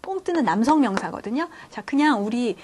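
A woman's voice: on the high side, expressive, darkish tone, slight background noise. Patient woman teaching French in Korean. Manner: explanatory, frequent "자" and "어" fillers, slows down to read out French phrases. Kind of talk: classroom lecture.

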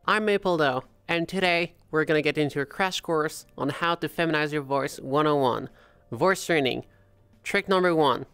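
A chatty tutor with a Quebec French accent walks through vocal tips and demonstrates sounds mid-sentence. The voice is smooth and resonant, in a dry, close recording with soft music underneath. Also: medium pitch, normal speed, no echo. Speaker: voice coach. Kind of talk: casual tutorial.

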